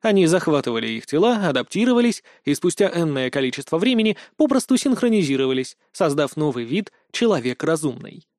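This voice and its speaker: A man's voice: a little high, sing-song, a little fast, few pauses, a little mellow, no echo. A man giving first-person audiobook narration in a dry, sardonic manner.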